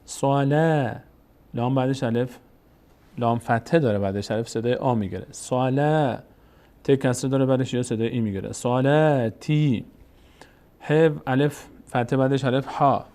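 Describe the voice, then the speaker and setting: Male reading teacher, mellow tone, drills syllables slowly and explains rules fast. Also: medium pitch. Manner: slow, drawn-out syllables repeated aloud, then quick explanations. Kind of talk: spelling out Arabic syllables in a recorded lesson.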